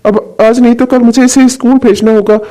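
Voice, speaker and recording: A man's voice: very high-pitched, level tone, fairly quick, warm tone. A man voicing a worried jobless husband and father in a cartoon, who talks in an anxious, despairing way. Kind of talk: cartoon dubbing.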